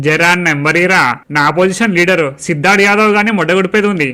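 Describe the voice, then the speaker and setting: A man's voice: high voice, fast talker, noisy background, natural voice. A man playing a hot-tempered male election candidate who bosses his aide around, speaking in a Telangana Telugu accent. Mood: bossy angry. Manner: bossy, yelling at his aide.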